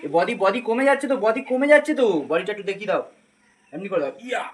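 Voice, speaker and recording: Chatty young dad vlogging at home. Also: male voice, high voice, expressive, fast. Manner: chatty, coaxing a small child. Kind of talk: casual daily-life vlog chat. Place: village home, partly outdoors in rain.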